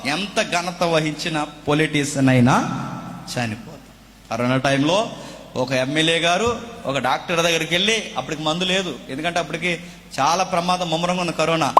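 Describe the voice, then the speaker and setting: Male pastor, somewhat high and bright, preaching in a hall with long reverb; rhetorical questions, loud declaiming traded with quiet asides. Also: moderate pace. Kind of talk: sermon.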